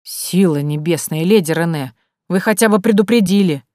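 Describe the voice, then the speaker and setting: A woman's voice: fairly low pitch, expressive, fast talker, a little mellow, no echo, studio quality, lightly acted. A woman voicing a young male lord who talks in a teasing, mocking way.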